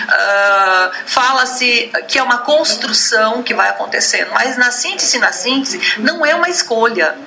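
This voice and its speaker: A woman from Brazil, a guest in a radio debate, explaining her points in a measured, lecturing way with frequent tag questions. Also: on the high side, vocal fry, pushed and bright, poor audio. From Rio Grande do Sul, Brazil. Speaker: invited expert on a radio debate. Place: radio studio.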